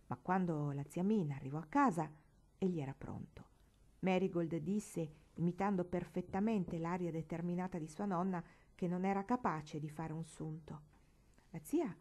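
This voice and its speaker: A woman narrating a classic novel as an audiobook reader, in a measured, expressive reading. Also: on the low side, husky.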